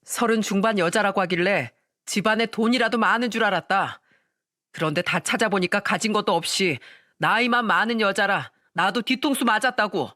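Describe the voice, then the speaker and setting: A man's voice: high voice, moderate pace, pushed and bright, dry recording, studio quality. A man voicing a calculating, condescending man in his late thirties in a scripted audio drama for a story channel, talking down to his girlfriend. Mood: resentful. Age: 30s. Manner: sneering and condescending.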